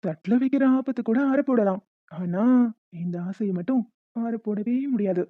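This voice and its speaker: A woman voicing a playful, persistent young newlywed husband in an animated short, bantering and coaxing. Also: mid-range voice, normal speed, no echo, phone-quality sound, natural voice. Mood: teasing. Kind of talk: cartoon voice acting.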